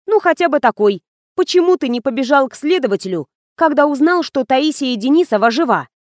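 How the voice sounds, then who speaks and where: Stern woman investigator, read by a woman, curt and commanding, raised pitch, audiobook. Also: expressive, fairly quick, dry recording, clean studio sound.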